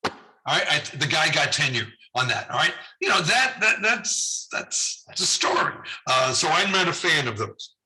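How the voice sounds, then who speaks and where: A man's voice: a little high, very animated, moderate pace, sharp tone, rough recording. A middle-aged man, a journal editor, rambling chattily in a recorded conference talk while losing his voice. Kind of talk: prerecorded conference video talk.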